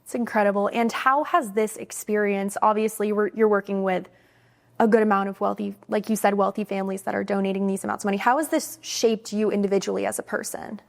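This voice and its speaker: A woman hosts an interview series and asks her guest friendly questions. She sounds enthusiastic and often compliments his answers. Her voice sits at an average pitch. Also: steady tone, quick pace, vocal fry.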